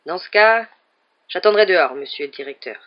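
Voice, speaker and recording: A man voicing a blustering giant of a gamekeeper, loud and rushed, in a storybook reading. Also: high-pitched, lively intonation, lo-fi sound. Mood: agitated.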